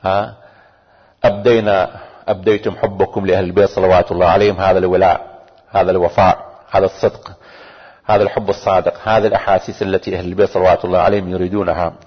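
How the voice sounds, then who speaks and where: A man delivers a sermon at a quick clip, his voice slightly husky, and his phrases repeat and climb into chanted salutations. The sound is dull and lo-fi, with long reverb trailing off the walls of a large hall. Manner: rising to fervent, chanting high pitch on salutations; addresses listeners directly, repeats phrases for emphasis. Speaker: preacher. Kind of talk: religious sermon.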